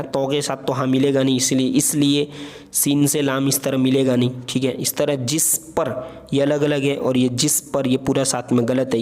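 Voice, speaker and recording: A man's voice: mid-range voice, darkish tone. Patient man teaching a spelling lesson. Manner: patient, repeats words and checks with "theek hai". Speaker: Urdu teacher.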